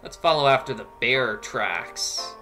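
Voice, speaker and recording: A man's voice: mid-range voice, lively intonation, unhurried, pushed and bright. A man giving casual, playful, rambling commentary as he plays a game. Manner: playful, rambling, mock-dramatic asides. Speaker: gamer, let's play commentator. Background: game music.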